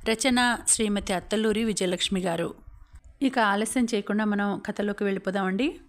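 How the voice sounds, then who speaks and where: A woman narrating a serialized audiobook novel with a steady, even reading. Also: medium pitch, moderate pace. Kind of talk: scripted story narration.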